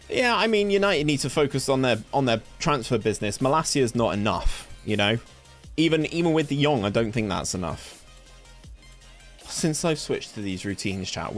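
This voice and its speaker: A man's voice: medium pitch, lively intonation, moderate pace, soft background music. A young man from England with a West Country accent, streaming casually as he plays a game, chatting and reacting aloud to his chat. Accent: West Country English. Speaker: gaming streamer. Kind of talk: casual live-stream commentary. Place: home room in summer heat, fan running.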